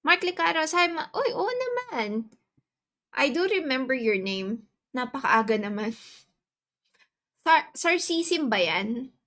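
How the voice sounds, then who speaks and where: A Filipino woman in her forties with a Filipino accent, chatting casually on a livestream and greeting viewers; her voice is soft and quiet, her throat a bit sore. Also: high voice, very animated, slow pace, long pauses. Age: 40s. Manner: chatty, mixes Tagalog and English, greets viewers by name. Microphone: earphones with mic.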